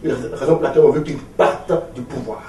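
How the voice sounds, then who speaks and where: Fast and warm, his mid-range voice holds a steady tone. He is a forties-aged opposition party leader from Ivory Coast giving an interview with an Ivorian French accent, emphatic and rhetorical and fond of repeating phrases. A distant mic in a roomy space catches faint background noise.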